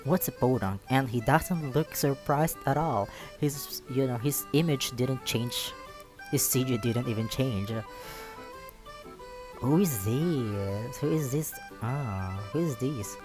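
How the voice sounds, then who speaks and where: A man with a medium-pitched voice plays a visual novel casually at a slow pace, reading aloud and reacting with cheeky, playful asides, often repeating himself. Music plays behind his voice, and the recording quality is low.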